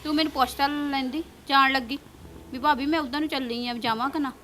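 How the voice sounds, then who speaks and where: A woman's voice: sits high, steady tone, fast, sharp tone, slight background noise. A woman playing a scheming sister-in-law who coaxes sweetly and mutters snide asides. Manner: coaxing and persuasive, snide asides.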